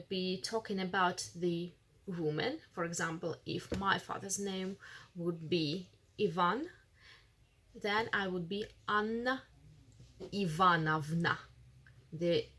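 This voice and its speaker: A woman with a Russian accent, a native Russian speaker, teaches a beginner language lesson as a screen-recorded app walkthrough. Her voice is medium in pitch and fairly bright, with a little hiss or hum in the background. She patiently repeats phrases and explains them step by step.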